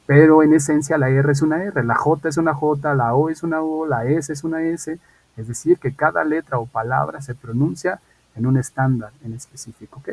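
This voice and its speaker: A man's voice: a little high, moderate pace, darkish tone, poor audio. A man, an English teacher explaining assignments in an online class and often checking in with his students. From Mexico.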